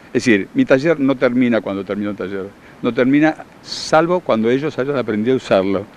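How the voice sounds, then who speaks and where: Un hombre con acento argentino que da talleres y explica con tono seguro, didáctico y enfático. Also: male voice, mid-range voice, fairly quick, a little hiss or hum. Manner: confident, instructive, emphatic. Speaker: workshop leader and therapist. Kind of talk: explanatory interview answers.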